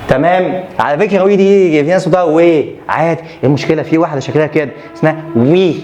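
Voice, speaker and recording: Man, Egyptian Arabic accent, French teacher, quick, high-pitched, repetitive drilling, playful asides. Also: darkish tone, lo-fi sound. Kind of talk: exam review lesson.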